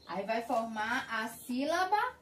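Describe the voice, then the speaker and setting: Slow, sing-song Brazilian preschool teacher. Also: female voice, a little high, big pitch swings, a bit bright, echoey room, far from the mic, slight background noise. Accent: Brazilian Portuguese. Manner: slow, drawn-out syllables for small children. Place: school classroom.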